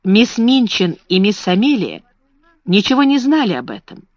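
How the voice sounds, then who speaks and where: A narrator reading a classic children's story aloud in an even, measured way. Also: medium pitch, no echo. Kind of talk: audiobook reading. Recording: dull lo-fi dry recording.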